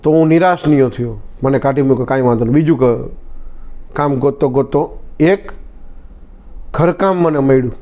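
A man's voice: medium pitch, moderate pace, long pauses, warm tone, lo-fi sound. A man hosting his own channel, telling a motivational story in a casual, conversational way and often repeating "he said" as he retells the dialogue.

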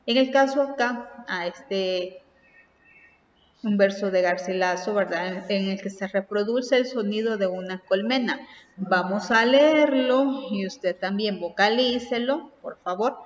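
Woman teacher in an echoey room. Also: mid-range voice. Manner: slow, explanatory, reads examples aloud. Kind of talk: recorded class lesson. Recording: far off, roomy echo, dull sound.

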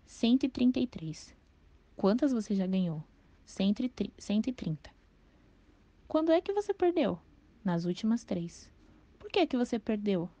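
A woman's voice: medium pitch, warm tone. A woman doing a jittery stammering fighting rooster. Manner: nervous, stammering, insistent. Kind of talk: audiobook character voice. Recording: dull, dry lo-fi recording.

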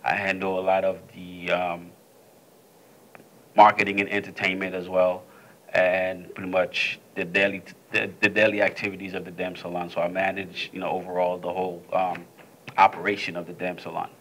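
Hesitant deep-voiced man from Haiti. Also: little pitch movement, normal speed, fairly bright tone, poor audio. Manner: hesitant, many "um"s and "uh"s. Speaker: salon co-founder, business manager. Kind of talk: casual interview answers. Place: studio set with leather sofa.

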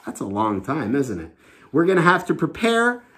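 In a small indoor home room, a thirty-something man hosting children's storytime reads a picture book and explains it to kids in a simple, expressive teacher's way. He sounds quite high, very animated and a bit bright, moving at an ordinary pace.

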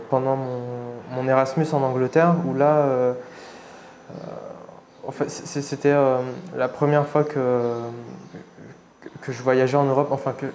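A young man from Réunion gives a personal testimony in an interview, talking shyly and hesitantly with many pauses and restarts. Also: mid-range voice, darkish tone, slight background noise. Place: seated indoors against a plain wall.

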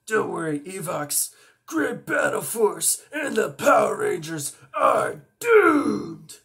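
A furious male monster villain from a kids' action show, roaring in a strained high scream. The voice is bright and gravelly, hurled out at full force. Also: big pitch swings, takes it slowly, exaggerated voice. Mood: furious taunting. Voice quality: bellowing, screaming.

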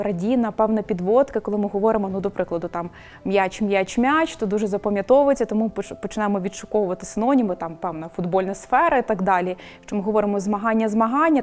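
A woman's voice: mid-range voice, a little mellow. A woman, a media professional, speaking in a casual interview, hesitant with many fillers and restarts.

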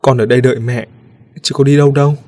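A man voicing a lonely, wistful little ghost boy who talks earnestly and gently, in a storybook reading. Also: medium pitch, steady tone, fast, lightly acted. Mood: gentle.

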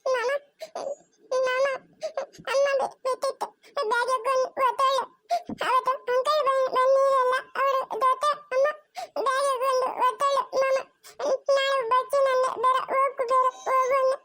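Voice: very high-pitched, monotone, normal speed, no echo. A voice actor doing a tiny sobbing cartoon boy. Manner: whimpering, sobbing. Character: little boy, crying for his mother. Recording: loud hiss behind the voice.

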